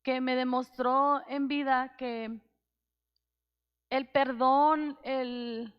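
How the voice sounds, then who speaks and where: High-voiced woman preaching in a reverberant hall. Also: level tone, drawn-out words, clean tone, dull audio. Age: 30s. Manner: personal storytelling, heartfelt, many restarts. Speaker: pastor. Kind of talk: sermon. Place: church hall. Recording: long reverb of a church hall.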